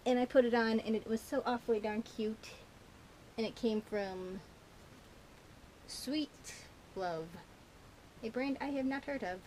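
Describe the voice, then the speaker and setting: A woman with a slightly high voice rambles to camera about things she bought, giggling as she goes and piling on "like" and "you know." Her tongue is a bit burnt, which blurs a few words. A faint hiss sits under the recording. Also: a little slow, long pauses, a little mellow. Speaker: vlogger showing a shopping haul. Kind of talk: casual rambling chat to camera.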